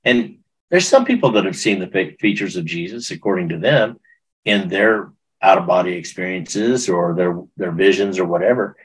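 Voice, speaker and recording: A man's voice: low-pitched, expressive, moderate pace, husky, low-quality recording. A middle-aged man recounting a personal testimony in an interview, earnest and emotional, often restarting his sentences. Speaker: guest.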